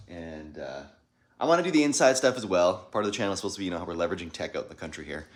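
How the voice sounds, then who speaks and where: Male host, 30s, very low pitch, deep groggy morning voice, rambling and self-deprecating delivery, filmed at home. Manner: rambling, self-deprecating, lots of fillers and asides. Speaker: channel host reviewing home espresso machines. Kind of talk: casual rambling product review.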